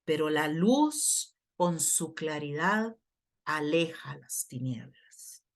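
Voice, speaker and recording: A woman's voice: low-pitched, animated, takes it slowly. A middle-aged woman from Costa Rica preaching earnestly at a prayer workshop and reading scripture aloud. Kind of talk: sermon.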